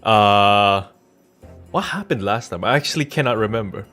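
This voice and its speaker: Expressive and slightly bright, a man with a lowish voice livestreams gameplay at a moderate pace. His talk is rambling, jokey and irreverent with casual swearing, recorded through a Rode NT1-A studio condenser over background music.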